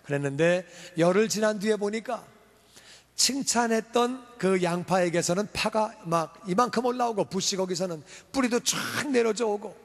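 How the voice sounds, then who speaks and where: A man preaching in a church with a high voice, animated, acting out the voices in his stories. His words carry a long reverb through the large hall. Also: moderate pace. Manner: animated storytelling, acts out scolding and praising voices. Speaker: pastor. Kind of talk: sermon. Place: church sanctuary.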